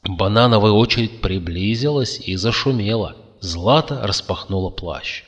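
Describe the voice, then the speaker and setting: A man narrating a story in a calm, even reading voice. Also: lowish voice, moderate pace. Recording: long reverb.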